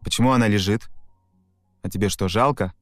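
A brusque official barks short, bossy questions in a low, sardonic voice, played by a male audiobook reader. The recording is dry and close, with faint music under it. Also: a little fast, a bit bright, no echo, natural voice. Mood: curt. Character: brusque, sarcastic official at a livestock depot. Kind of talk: audiobook reading.

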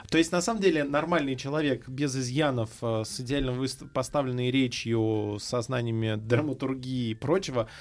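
A man's voice: mid-range voice, steady tone, moderate pace, hardly any pauses. A man co-hosting a talk show, speaking casually and conversationally. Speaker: co-host. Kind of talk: casual chat.

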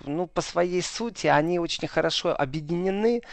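A man's voice: on the high side, moderate pace, gravelly. A man speaking as a political commentator in an unscripted interview, colloquial, with rhetorical questions and asides. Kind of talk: unscripted spoken analysis in an interview.

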